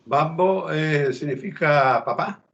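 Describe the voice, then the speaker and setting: Man, student, hesitant short answers, very slow pace, lo-fi call audio. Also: fairly high pitch, creaky, a bit bright. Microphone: video call. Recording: dull lo-fi video call audio.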